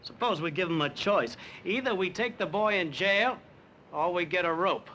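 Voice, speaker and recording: An actor playing a scheming, menacing posse leader in a TV western, confrontational and calculating. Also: male voice, high-pitched, moderate pace, pushed and bright. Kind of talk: TV western drama acting. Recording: dull, faintly noisy old soundtrack.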